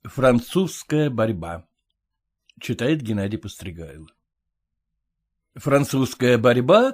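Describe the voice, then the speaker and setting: Male narrator for humorous classic short stories, slow and lively in pitch. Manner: measured, expressive storytelling. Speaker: audiobook narrator. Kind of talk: literary audiobook reading.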